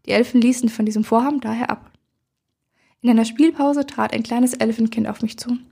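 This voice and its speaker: A woman reading a scripted first-person fairy tale aloud for children in a calm, measured way. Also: fairly high pitch, creaky, slightly rough. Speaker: storyteller.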